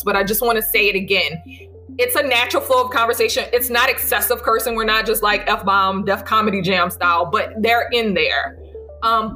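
A woman's voice: medium pitch, pushed and bright. A woman hosting a podcast in a casual, chatty, self-deprecating and wry way, talking into her laptop's built-in microphone on a video call. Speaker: host and author.

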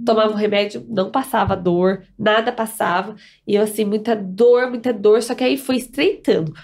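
A woman's voice: mid-range voice, normal speed, a little mellow. A young adult woman telling her story as a podcast guest, emphatic and repeating phrases for stress. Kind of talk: casual podcast conversation.

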